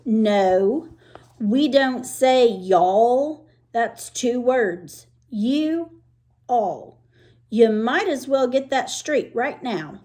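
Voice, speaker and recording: A woman's voice: high voice, lively intonation, unhurried, pitched above the performer's own voice. A woman reading aloud, voicing a blunt, impatient young girl who corrects people in a scolding, matter-of-fact way. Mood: disgusted.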